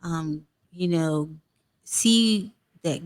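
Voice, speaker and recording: Female guest, lowish voice, sincere, hesitant with plenty of fillers. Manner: faith-filled, halting, many ums. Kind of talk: casual interview chat.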